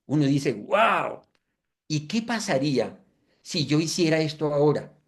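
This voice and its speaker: Man in his fifties, webinar presenter, fairly high voice, questions the audience, apologetic asides. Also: normal speed. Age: 50s. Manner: lively, asks the audience rhetorical questions; self-deprecating, apologetic asides. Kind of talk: live lecture with demonstration.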